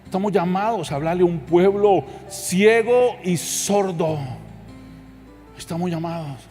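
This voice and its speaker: A male pastor from Colombia preaching with fervent intensity, his somewhat high voice climbing into shouted peaks. The sermon rings through a large church hall with a long reverb. Soft music plays beneath him. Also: a little slow. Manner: impassioned, builds to shouted crescendos.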